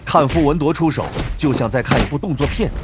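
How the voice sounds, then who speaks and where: A man narrating a novel audiobook in a dramatic, expressive storytelling manner. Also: on the high side, fast, music in the background.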